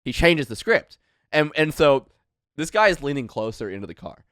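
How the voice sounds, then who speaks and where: A man's voice: moderate pace, no echo, clean studio sound. A young man co-hosting a podcast, telling a story in casual chat and acting out the quotes in shifting voices. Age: young adult. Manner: animated, acts out quotes with shifting pitch. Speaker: podcast co-host.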